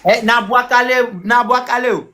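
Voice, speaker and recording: A man talks loudly and insistently as a guest on a live stream, his voice high and bright with a forceful edge. Music plays faintly behind him. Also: fairly even intonation, moderate pace. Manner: loud, insistent. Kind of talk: casual live chat.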